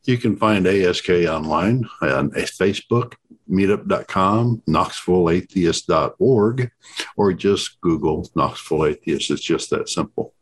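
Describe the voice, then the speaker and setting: A male podcast co-host with a deep, low voice and a husky edge. He reads group announcements in a plain, easygoing way. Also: a little slow. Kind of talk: casual podcast chat.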